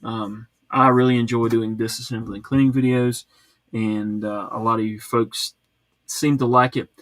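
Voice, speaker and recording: A man hosts a casual livestream chat from home, reading viewer comments aloud. He rambles in a relaxed way, full of "uh"s and restarts, at an everyday mid pitch. The sound is close and dry, with no room echo. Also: normal speed.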